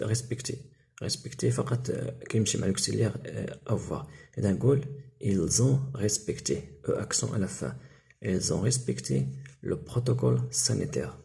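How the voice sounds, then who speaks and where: A man with a Moroccan Arabic accent, a French teacher explaining a textbook lesson, mixing Arabic with French terms and reading examples slowly. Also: fairly low pitch, gravelly, dark tone.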